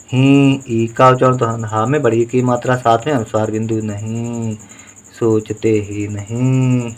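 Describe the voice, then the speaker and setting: A man teaching handwriting, slowly sounding out each syllable and vowel sign in a patient dictation. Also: mid-range voice. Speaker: Hindi writing teacher. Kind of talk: slow spelling dictation lesson.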